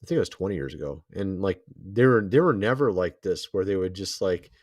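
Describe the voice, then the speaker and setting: Man, co-host, low voice, loose chatty talk, lots of "like", dry sound. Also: animated, brisk, a little mellow, no room sound. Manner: loose, filler-heavy, says "like" a lot. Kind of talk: casual reaction chat.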